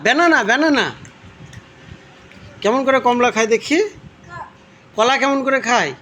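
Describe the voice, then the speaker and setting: A woman playing with her toddler at home, asking simple questions again and again and gently scolding with tutting sounds. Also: high-pitched, normal speed, slight background noise. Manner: repeats simple questions over and over. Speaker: parent filming her toddler. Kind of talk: playful coaxing talk to a toddler.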